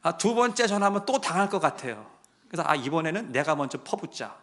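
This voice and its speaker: A man preaching a sermon in a bright, forceful voice with a fairly high pitch. He tells a story and swings from quiet, hushed lines to loud, impassioned ones. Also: big pitch swings, fast. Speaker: pastor.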